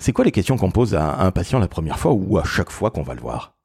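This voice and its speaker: A man's voice: deep voice, sing-song, quick pace, gravelly, darkish tone, husky, no echo, studio quality. A man hosting a podcast, talking emphatically and introducing his guests with big words. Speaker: podcast host.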